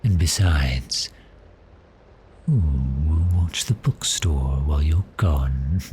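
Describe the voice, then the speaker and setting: This intimate ASMR roleplay features a man as a predatory vampire, expressive and heavily acted, in a teasing, amused mood. His voice is exceptionally low and breathy, often slipping into a half-whisper, and he speaks extremely slowly, lingering on pauses while toying with his prey with gentle menace. A little noise sits behind the voice.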